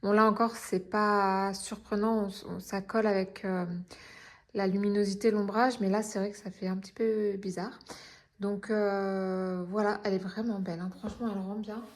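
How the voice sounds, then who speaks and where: A woman in a casual, chatty review vlog, talking through her finished diamond painting in a relaxed way, with many hesitations and self-corrections. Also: mid-range voice, normal speed.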